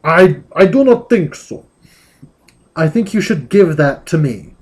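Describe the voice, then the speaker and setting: A man voicing a determined young demon woman who speaks calmly but insistently. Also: a little high, a little slow, slightly rough.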